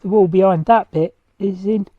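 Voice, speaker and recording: A man's voice: high voice, moderate pace, no room sound, muffled recording. Out-of-breath man on scaffolding. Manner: dry, self-deprecating humour. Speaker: vlogger working on a house renovation. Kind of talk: casual chat and on-the-spot commentary. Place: outdoors up on scaffolding.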